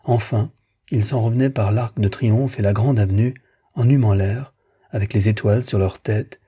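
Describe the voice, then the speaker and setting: A man reading a classic novel aloud as an audiobook narrator, in a measured, even manner. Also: fairly low pitch, husky. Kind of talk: scripted literary narration.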